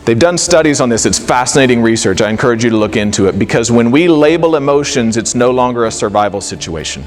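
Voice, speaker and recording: A middle-aged man giving an animated, conversational talk to a live audience, acting out quoted dialogue. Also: mid-range voice, fast, faint music behind. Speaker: speaker.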